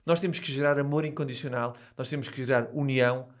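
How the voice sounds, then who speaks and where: A man with a European Portuguese accent talks very quickly in a medium-pitched voice. He is an interview guest chatting casually, insistent and emphatic, restating his points as he goes. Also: steady tone. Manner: emphatic, insistent, repeats himself. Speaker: interview guest, book author. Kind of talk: casual chat.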